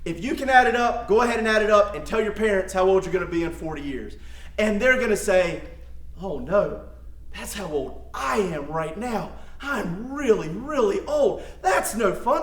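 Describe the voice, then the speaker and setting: A man's voice: high voice, fairly bright tone. A man teaching children a Bible story in a playful, dramatic way, speaking straight to the kids. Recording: echoey room.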